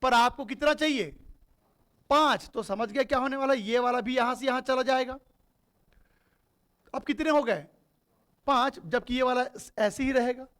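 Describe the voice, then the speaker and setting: A man's voice: extremely high pitch, moderate pace, pauses often, fairly bright tone, clean tone. A man teaching a chemistry class. He asks his students questions and answers them himself, calling them "beta". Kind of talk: classroom lecture.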